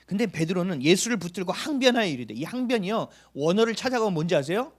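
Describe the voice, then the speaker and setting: Man, pastor, sermon, high voice, lively swooping pitch, questions to the congregation, hushed asides. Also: fast talker. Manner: animated, asks the congregation questions and answers them; drops to a hushed near-whisper for emphasis.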